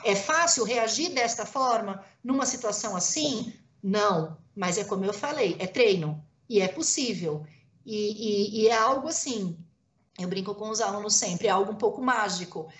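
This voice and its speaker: A woman's voice: mid-range voice, expressive, normal speed, a bit bright, echoey room. A Brazilian woman, a lawyer and teacher, gives a lecture in a didactic way and keeps checking in with her listeners. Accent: Brazilian Portuguese. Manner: didactic, often tags phrases with "né?".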